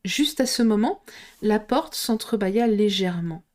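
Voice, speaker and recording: A woman reading a classic storybook aloud in a steady, clear storytelling manner. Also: mid-range voice, normal speed. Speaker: reader.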